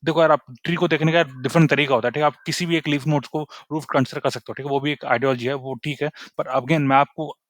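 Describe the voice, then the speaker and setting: Young man, brisk casual coding tutor, dry close sound, keeps checking that viewers follow. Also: a little high, fairly even intonation, dry recording. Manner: chatty, repeats "ठीक है?" after nearly every point.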